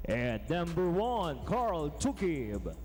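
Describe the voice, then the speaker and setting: A man calling player introductions in an indoor arena, stretching out the names in a booming way over the public address system. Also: very animated, a little mellow, soft background music. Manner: drawn-out, booming name calls. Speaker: arena announcer.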